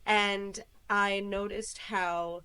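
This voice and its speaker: A woman's voice: medium pitch, steady tone, extremely slow, pushed and bright, smooth. A woman in her late twenties, a podcast guest talking casually with lots of fillers. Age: 20s. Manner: chatty, many fillers, quoting herself. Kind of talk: casual interview chat.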